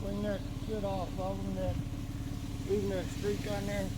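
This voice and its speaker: A man's voice: high-pitched, completely flat delivery, normal speed. A man, chatting in short, plainspoken remarks from inside a moving car. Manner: terse, plainspoken. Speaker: driver. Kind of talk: casual chat. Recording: loud wind and car noise.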